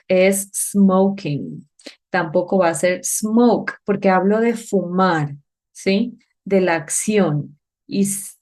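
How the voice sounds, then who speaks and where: A woman teacher explains grammar at a whiteboard in a slow, unhurried way. She moves step by step and often checks in with short questions. Her mid-range voice lingers over each English example so it comes out clearly. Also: medium pitch, a little mellow. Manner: pronounces English examples slowly and carefully.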